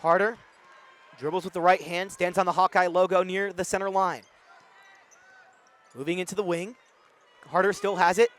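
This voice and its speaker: A young male student sportscaster with a fairly high voice calls basketball play-by-play. His calls are brisk and build to excited shouts when a shot drops. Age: young adult. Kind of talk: sideline interview and play-by-play commentary.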